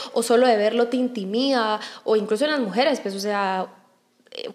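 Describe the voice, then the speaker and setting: A young woman chatting casually, telling a personal story in an animated way with many restarts. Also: a little high. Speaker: podcast guest. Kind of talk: casual chat.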